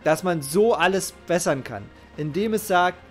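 A middle-aged game streamer talks in a high-pitched voice at a moderate pace, commenting casually as he plays live. He's emphatic and invested, and he repeats his phrases. He's indoors at his home setup using a close-worn headset mic, with game music behind him.

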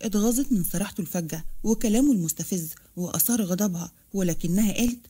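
A woman's voice: mid-range voice, fast talker, mellow, breathy edge. A woman with an Egyptian accent narrating a romance novel. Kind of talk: story narration.

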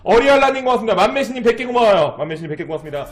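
A man's voice: high-pitched, sing-song, very fast. A man streaming a game live, chatting and thanking viewers in a sing-song way, teasing and joking as he plays. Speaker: internet streamer. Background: game music.

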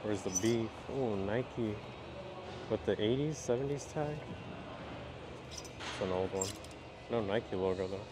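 Low-voiced man vlogging a flea market. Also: slow, long pauses. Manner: relaxed, chatty running commentary while browsing. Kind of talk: casual vlog narration. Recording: noisy outdoor market.

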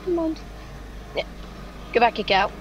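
A young woman chatting excitably as she hosts a casual gameplay let's play. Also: a little high, measured pace, slight background noise. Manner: chatty, excitable, sing-song chanting. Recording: dull lo-fi mic.

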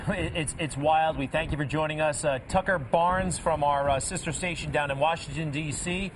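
Fairly high-voiced male news anchor, noisy feed. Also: normal speed. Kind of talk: live interview with field reporter.

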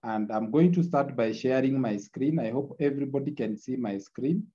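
A man gives an online lecture, captured in a screen recording of the video call. His voice is dark and mellow, and the audio is muffled and lo-fi. He repeats key lines and keeps checking in with the class. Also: mid-range voice, moderate pace. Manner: repetitive, checks in with tag "eh?".

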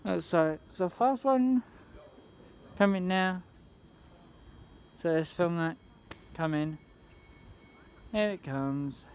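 Slow rambling young man on a platform. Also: high-pitched, clean tone. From England. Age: young adult. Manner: rambling, halting, with many restarts and fillers. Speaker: trainspotting vlogger. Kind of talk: casual handheld vlog. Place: outdoor railway station platform. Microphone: phone held at arm's length.

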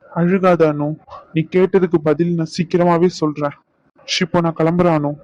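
A man voicing a young husband in a cartoon, speaking softly and reassuringly. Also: fairly high pitch, steady tone, moderate pace, dry recording, dull audio, natural voice. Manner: soft, reassuring. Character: young husband, gentle and remorseful.

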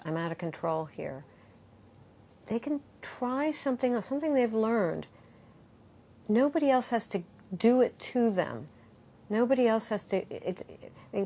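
A middle-aged woman yoga teacher speaking earnestly in an interview, walking listeners through a calming breath exercise. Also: medium pitch. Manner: earnest and animated, acting out panicked voices. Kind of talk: interview answer with guided breathing demonstration.

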